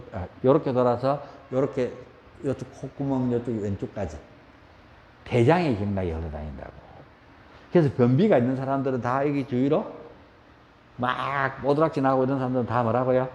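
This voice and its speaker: A man with a Gyeongsang Korean accent teaching a yoga class, asking questions and acting out shouts. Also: mid-range voice, brisk, muffled recording, slight background noise. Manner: lively, asks the class questions, acts out shouts. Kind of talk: spoken yoga lecture. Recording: roomy hall echo.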